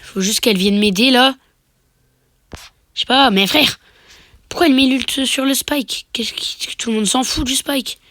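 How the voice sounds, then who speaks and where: A very high, bright, forceful voice comes through a phone microphone, unhurried and broken by long pauses. The man has a cold and sniffles while casually commentating on his own match, muttering half-whispered remarks and mock bragging.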